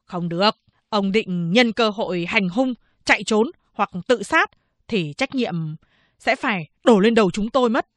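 A woman's voice: medium pitch, expressive, a little slow, dry recording, natural voice. A woman voicing a dutiful male prison guard who speaks firmly and insistently. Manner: firm, insistent.

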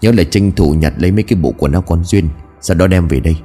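A man's voice: low voice, fast talker, warm tone, soft background music. A man voicing a domineering, scheming old father who curses and barks orders. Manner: barking orders, cursing.

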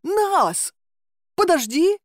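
A woman's voice: on the low side, a little slow, dry recording, clean studio sound, lightly acted. Gloomy young ghoul man, read by a woman. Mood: grumbling.

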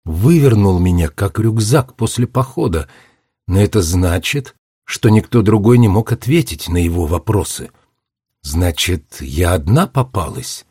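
A man's voice: sits low, lively intonation, a little slow, slightly rough, dry recording, studio quality, heavily acted. A man reading a story aloud and voicing a young girl prisoner who is bitter and fierce. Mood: despairing. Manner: fierce, bitter, shouting at times.

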